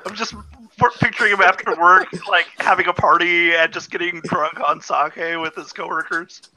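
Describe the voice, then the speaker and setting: Bright, jokey man at the table. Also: high-pitched, steady tone, normal speed, a little hiss or hum, rough recording. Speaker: player. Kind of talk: casual tabletop play.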